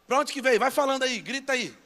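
Male pastor, Brazilian accent, very high-pitched, playful banter, reverberant conference hall. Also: fast talker, bright, forceful tone. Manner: playful, teasing banter with the audience. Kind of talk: joking stage announcements to a live crowd. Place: large church conference hall. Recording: long echo of a big hall.

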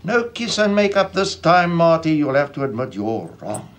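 An apartheid-era police interrogator, coolly bureaucratic and taunting, animated delivery. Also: male voice, fairly high pitch, moderate pace. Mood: menacing mockery.

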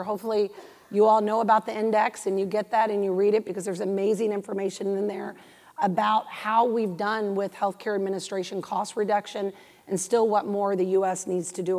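A woman's voice: mid-range voice, darkish tone. Woman moderating a conference panel. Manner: upbeat, addresses the audience directly. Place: conference stage in a large hall. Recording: long reverb of a large conference hall.

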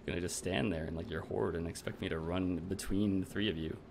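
A man's voice: low voice, steady tone, fast talker. A man giving casual, slangy and wry commentary as he plays a video game. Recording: clear background noise, game ambience.

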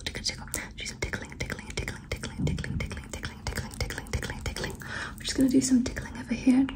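A woman doing a whispered role-play in fast ASMR whispering, repeating short phrases rapidly in a soothing, reassuring way. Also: high voice. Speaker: ASMR performer.

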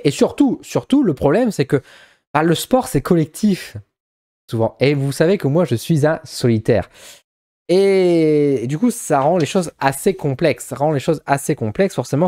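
A young man from northern France with a Ch'ti accent talks casually to his viewers, hesitant and full of restarts. His voice sits a little high and sounds mellow. The recording is close and dry. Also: no echo. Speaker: vlogger. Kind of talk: casual vlog.

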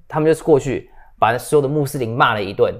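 A man's voice: mid-range voice, quick pace. A man in his thirties co-hosting a casual talk show, telling stories with English phrases mixed in. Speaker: co-host. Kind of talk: casual political chat.

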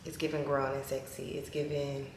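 A woman in her twenties from Texas, chatting casually to camera in a slangy, lively vlog. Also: a bass voice, normal speed, noisy background. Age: 20s. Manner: chatty, animated, uses slang. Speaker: vlogger. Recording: echoey room, recorded from a distance.

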